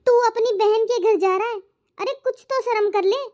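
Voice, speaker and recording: A woman voicing a nagging, sharp-tongued middle-aged mother-in-law in a Hindi cartoon moral story, scolding and accusing in turn. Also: very high-pitched, fairly even intonation, moderate pace, highs cut off.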